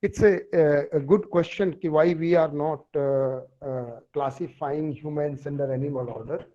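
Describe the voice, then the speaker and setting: A man with a North Indian accent giving an extempore online lecture in a halting, hesitant manner. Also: dark tone. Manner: halting, with many long hesitations. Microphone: online call on a phone. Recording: dull, low-fidelity online call audio.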